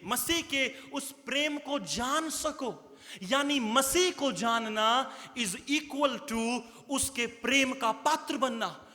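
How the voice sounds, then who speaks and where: Man preaching, very high bright voice, slow and deliberate delivery, long hall reverb. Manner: call-and-response preaching, asking the congregation to repeat. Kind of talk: sermon.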